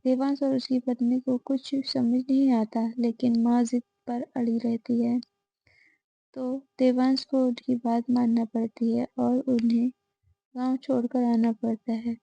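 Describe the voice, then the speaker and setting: Woman reading a family story, gravelly low warmth, flat delivery, dull sound. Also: unhurried, dry recording. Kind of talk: scripted story narration. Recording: dull lo-fi audio.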